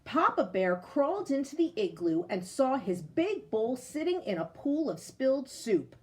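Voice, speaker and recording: A woman reads a picture book aloud in the manner of a teacher. Her voice sits a little high and climbs and dips a lot. She takes her time over every line. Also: big pitch swings, a little slow, darkish tone. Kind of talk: storybook read-aloud.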